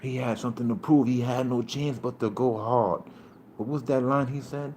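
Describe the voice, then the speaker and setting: A man in his thirties from Puerto Rico hosting a casual livestream, rambling in streetwise slang and shouting out viewers by name. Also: medium pitch, fairly even intonation, normal speed, a little hiss or hum. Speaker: livestream host.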